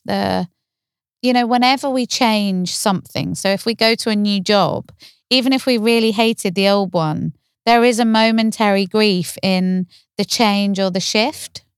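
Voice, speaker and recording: Smooth-voiced woman therapist, calm and reflective. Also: mid-range voice, dry recording, studio quality. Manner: calm, reflective, gently explaining with rhetorical questions. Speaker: therapist, co-host. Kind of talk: podcast conversation.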